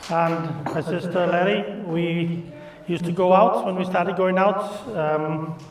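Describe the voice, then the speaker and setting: A middle-aged man with a North Welsh accent gives a homely, halting wedding speech. He speaks slowly in a high voice, heard from a distance in an echoing room with guests around him. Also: steady tone. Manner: hesitant, homely storytelling. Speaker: father of the groom. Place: large glass-walled wedding reception room. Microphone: handheld mic, picked up from afar. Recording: echoey reception room, distant camera microphone.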